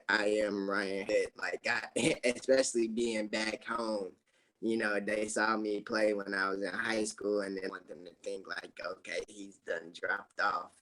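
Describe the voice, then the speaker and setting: Unhurried low-voiced young man. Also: rough recording. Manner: relaxed and unhurried, with many fillers and soft laughs. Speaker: guest, former college basketball player. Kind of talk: casual interview talk.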